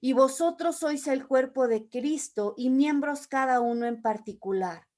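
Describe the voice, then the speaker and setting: A woman's voice: sits high, measured pace, darkish tone. A woman leading a Bible study, reading scripture aloud and explaining it with everyday examples. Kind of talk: Bible teaching.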